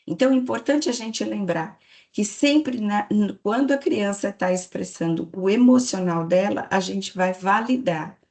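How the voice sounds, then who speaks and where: A woman lectures a live audience. Her voice has a gravelly, creaky texture at a middle pitch. She explains step by step and often checks whether the listeners follow. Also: measured pace, darkish tone. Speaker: speaker giving a parenting talk to staff.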